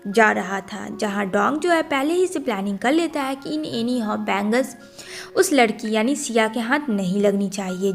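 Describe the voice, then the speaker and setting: A woman narrating a movie story recap in a brisk storytelling manner. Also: a little high. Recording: faint background music.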